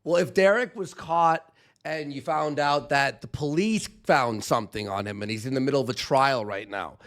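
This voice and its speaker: A man's voice: medium pitch, moderate pace, a bit bright. A man calling in to a stream, politely interjecting and working through a hypothetical with many fillers. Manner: hesitant, polite, filler-heavy. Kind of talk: heated call-in debate.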